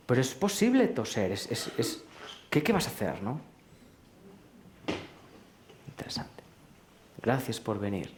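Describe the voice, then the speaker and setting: A man giving a live talk to an audience in a large hall, speaking in a questioning, rhetorical way and gently teasing his listeners. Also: fairly high pitch, slight background noise. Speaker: speaker at a public lecture. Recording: roomy hall echo.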